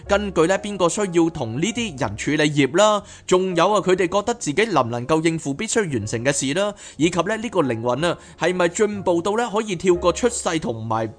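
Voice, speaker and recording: A man, pitched a little above the usual male range, reads a book aloud and then slips into lively, chatty asides. He carries the talk as podcast host, with soft music playing faintly underneath. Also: brisk, hardly any pauses. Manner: animated, chatty asides between reading. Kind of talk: reading a book aloud with commentary.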